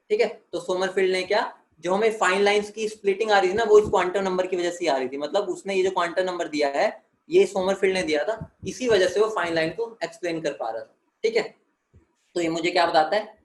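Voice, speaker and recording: A man teaching a chemistry class, who keeps saying "theek hai" and asks questions that he then answers himself. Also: high voice. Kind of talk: classroom lecture. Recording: echoey room.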